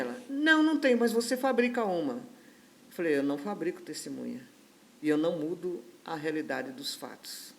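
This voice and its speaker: A woman lawyer with a Brazilian accent, telling an animated story in a podcast interview and acting out the dialogue. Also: lowish voice. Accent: Brazilian Portuguese. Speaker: lawyer guest.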